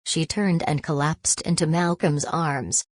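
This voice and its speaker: Low-voiced woman narrating a drama. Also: steady tone, unhurried, no room sound. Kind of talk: scripted narration.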